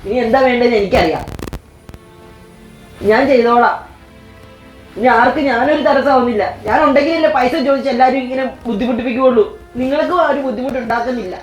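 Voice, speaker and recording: Woman playing a sobbing young daughter, high and teary, dull echoey audio with faint music. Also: fast, long pauses, natural voice. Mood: despairing. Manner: tearful, despairing. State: crying. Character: young married daughter, beaten and in despair.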